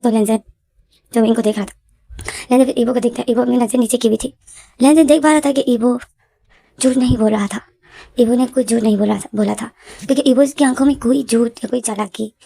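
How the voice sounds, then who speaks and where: A woman's voice: fairly high pitch, vocal fry, warm tone, breathy edge. A woman casually narrating a story in a dramatic way that repeats itself. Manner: repetitive, dramatic retelling. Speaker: fanfiction storyteller.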